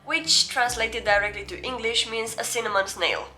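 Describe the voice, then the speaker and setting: Bright young Romanian woman pronouncing foreign words. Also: fairly high pitch, lively intonation, faint music behind. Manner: reads out foreign words slowly as examples between explanations; self-deprecating, informal. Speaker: video host. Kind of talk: casual chatty language lesson.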